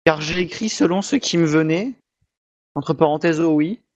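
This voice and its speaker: A man's voice: fairly high pitch, normal speed, darkish tone, muffled recording, lightly acted. A man putting on a half-robotic voice to dictate a text aloud, reading out every punctuation mark like a machine in a comic video. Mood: grumbling. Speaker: YouTuber.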